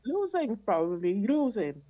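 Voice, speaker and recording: A woman's voice: medium pitch, sing-song, a little slow, mellow, muffled recording. A woman from Guyana, calling in for advice over a video call and speaking hesitantly, often restarting her sentences. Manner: hesitant, restarts and repeats words. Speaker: caller seeking advice. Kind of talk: casual conversation.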